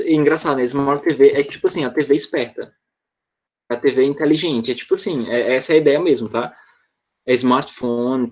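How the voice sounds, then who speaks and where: A man's voice: fairly high pitch, slightly rough. A Brazilian man teaching an online English class, talking casually and checking in with students often. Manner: chatty, relaxed, checks in often with "tá?".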